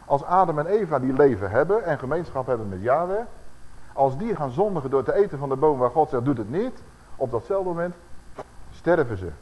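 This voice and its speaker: A man preaching a sermon, acting out the voices he quotes and slowing down for scripture. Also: fairly high pitch, lively intonation, darkish tone, big-room sound, rough recording.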